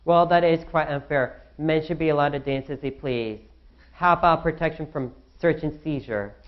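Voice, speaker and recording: Through a muffled recording, a young man with a fairly high, everyday voice talks at a moderate pace as an anxious founding father in a student skit, fretfully musing to himself about his worries.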